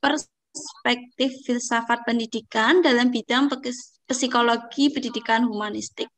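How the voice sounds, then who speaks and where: A woman's voice: a little high, fairly even intonation, a little slow, fairly bright tone. A woman from Indonesia moderating a podcast Q&A, politely reading out audience questions.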